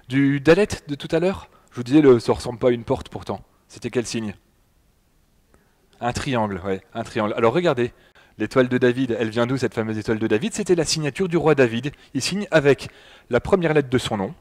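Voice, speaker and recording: A slightly mellow, medium-pitched male voice with a French accent delivers a slide lecture to an audience in a public hall. He speaks loosely, with many fillers and restarts.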